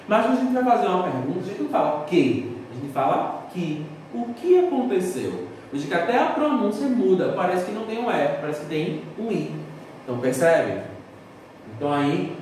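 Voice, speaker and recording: Recorded from a distance in an echoey room with faint noise, a man gives a school class a Portuguese lesson. He explains step by step and answers his own questions. His voice runs fairly high and a little mellow.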